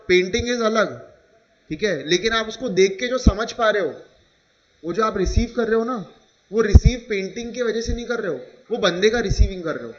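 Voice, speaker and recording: A man with an Indian accent teaches a class in a high voice, explaining with examples and checking often that his students follow. The recording is dull and lo-fi. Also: fairly bright tone. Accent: Indian English. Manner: explains with examples, asks "ठीक है?" again and again. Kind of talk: classroom lecture.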